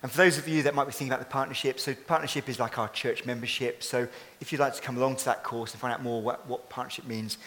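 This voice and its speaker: A man's voice: medium pitch, steady tone, fast, hardly any pauses, fairly bright tone, long reverb tail. Encouraging man interviewing in church. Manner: encouraging, frequent affirmations.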